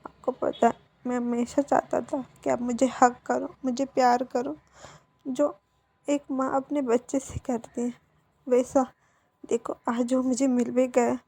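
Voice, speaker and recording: A woman's voice: high voice, little pitch movement, a little slow, gravelly, dark tone, breathy edge, heavily acted. A woman voicing a remorseful young man who begs his mother's forgiveness, tearful and stammering. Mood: soft.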